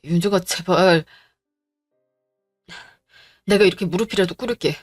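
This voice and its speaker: A woman voicing a gentle, devoted young man who pleads softly, in a storybook drama reading. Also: on the low side, moderate pace, slightly rough, faint music behind, voice pushed down. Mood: pleading. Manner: pleading, soft-spoken.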